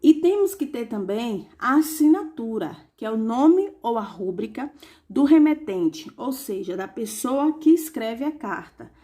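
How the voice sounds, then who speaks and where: A woman teacher reviewing a lesson for young pupils, saying examples slowly and asking rhetorical questions. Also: on the high side, very animated, dark tone. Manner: slow, clearly spelled-out examples with rhetorical questions.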